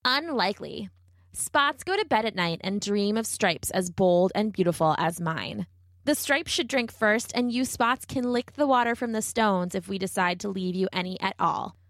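A woman's voice: mid-range voice, expressive, normal speed, dry recording, close to an everyday voice. Proud storybook zebra, snorting and dismissive, done by a woman, dry close recording. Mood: scornful.

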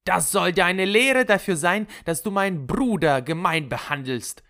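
A woman's voice: very deep voice, lively intonation, normal speed, pitched above the performer's own voice. A reader voicing Loulou, a flighty and impulsive young woman who chatters in a gossipy way, in an audiobook. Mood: chattering. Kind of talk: audiobook character voice.

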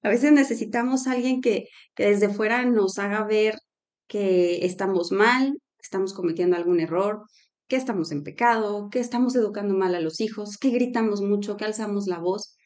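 A woman's voice: mid-range voice, normal speed. A woman co-hosting a casual faith-based talk show, telling stories and laughing often. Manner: storytelling, laughs often, animated quotes. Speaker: co-host.

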